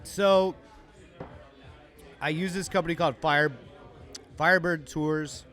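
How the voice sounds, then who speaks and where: A podcast co-host chats casually in a live recording at a bar, rambling upbeat with lots of halting restarts. His voice is a little high, somewhat bright, and steady in tone.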